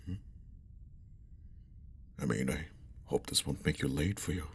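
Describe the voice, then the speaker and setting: In an ASMR roleplay, a man plays a caring young guy speaking to an old crush in an intimate one-sided conversation. His exaggerated, extremely deep voice crackles with vocal fry as he speaks slowly, gently and hesitantly in a shy, friendly, breathy half-whisper. He sounds puzzled.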